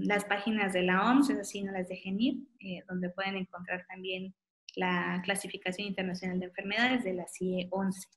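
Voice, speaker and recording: Woman, bright voice, casual webinar lecture, friendly, hesitant fillers. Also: mid-range voice. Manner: informal and friendly, many fillers like "este". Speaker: optometrist giving a webinar talk. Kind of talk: webinar lecture with audience questions.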